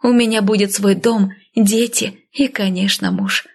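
A woman narrates a fantasy audiobook in the first person, with a husky, gravelly voice. She voices a headstrong heroine lively, slipping into whispers for tense lines. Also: medium pitch, measured pace.

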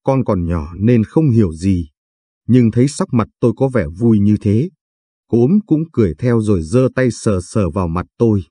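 A man calmly narrating a first-person story in a steady reading voice. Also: on the low side, normal speed, breathy edge, no room sound, studio quality. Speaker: audiobook narrator.

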